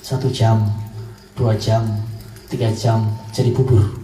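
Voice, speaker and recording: A man's voice: fairly low pitch, level tone, takes it slowly. A male preacher telling a story in a sermon, playful and quizzing his audience. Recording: echoey hall, mic far off, faint hiss.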